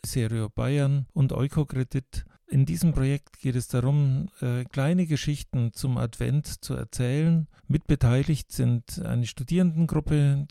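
A man with a gravelly voice reading a short scripted introduction to a project. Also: medium pitch, warm tone, no room sound, studio quality. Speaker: project announcer.

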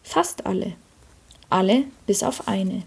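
A woman's voice: mid-range voice, slow, vocal fry, husky. A woman reading a short story aloud, lifting her voice for the quoted lines. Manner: lively acted quotes in a raised voice. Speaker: reader.

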